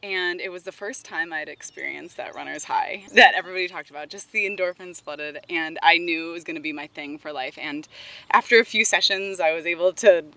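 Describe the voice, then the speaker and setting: A woman with a slightly low voice talks casually as an interview guest. She is outdoors and speaks in an informal, somewhat halting way. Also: creaky, sharp tone. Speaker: interview guest, Pilates studio co-owner.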